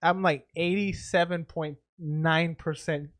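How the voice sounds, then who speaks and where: A man's voice: on the high side, fairly even intonation, fairly bright tone. A young man co-hosting a podcast, telling gaming stories in casual, swearing chat. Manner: fast storytelling, swears freely. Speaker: podcast co-host.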